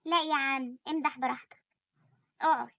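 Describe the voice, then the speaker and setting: Woman doing jealous young egyptian sister, cartoon, bright, fast, dry mic. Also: high voice, fairly even intonation, creaky, no room sound, full character voice. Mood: scheming. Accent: Egyptian Arabic. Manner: quick, sharp-tongued. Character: scheming young sister, jealous and sharp-tongued. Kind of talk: animated story voice acting.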